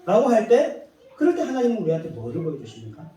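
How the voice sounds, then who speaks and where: Lively high-voiced man preaching in an echoey church. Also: fast. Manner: lively preaching with acted quotes and light laughs. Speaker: pastor. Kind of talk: sermon. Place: church sanctuary. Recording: echoey hall, mic far off.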